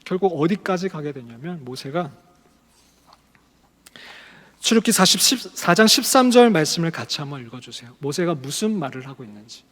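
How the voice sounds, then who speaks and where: A man's voice: fairly high pitch, big pitch swings, fast talker, hardly any pauses, a bit bright. A man preaching a sermon as a pastor, earnest and full of questions to the congregation. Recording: long hall reverb.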